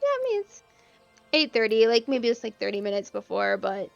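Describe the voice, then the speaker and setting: High-voiced easygoing woman game master. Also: sing-song, brisk, creaky, no room sound, lo-fi sound, faint music behind. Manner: easygoing, giggly. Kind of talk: casual chat after a tabletop game.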